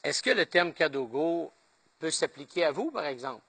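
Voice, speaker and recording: A man questioning a witness in court, measured and formal. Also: fairly high pitch, big pitch swings, sharp tone, breathy edge, no room sound. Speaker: lawyer questioning.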